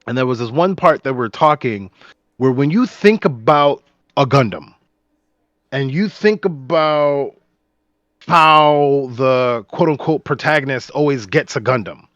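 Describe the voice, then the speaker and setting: A man co-hosting a podcast in casual chat, excitable and rambling with lots of restarts. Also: mid-range voice, unhurried, dry recording, dull audio. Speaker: podcast co-host.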